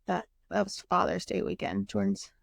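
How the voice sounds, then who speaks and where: A young woman with a gravelly, creaky edge to her voice tells a painful personal story in a candid, raw way, acting out each exchange and letting the odd curse slip. The sound is close and dry, with no room around it. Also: very deep voice, very animated, normal speed, no echo. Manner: emotional, candid, swears, reenacts dialogue. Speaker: podcast host. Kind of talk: casual podcast storytelling.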